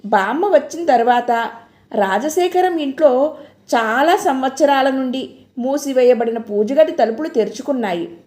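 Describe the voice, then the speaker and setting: High-voiced woman narrating a novel. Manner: measured, expressive storytelling. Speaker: audiobook narrator.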